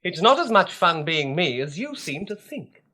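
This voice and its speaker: A kind young prince, a bit high, super lively up and down, wry and playful. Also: male voice, moderate pace, soft background music, exaggerated voice. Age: young adult. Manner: wry, playful and well-spoken. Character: kind young prince, bored with royal life. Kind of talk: storybook record acting.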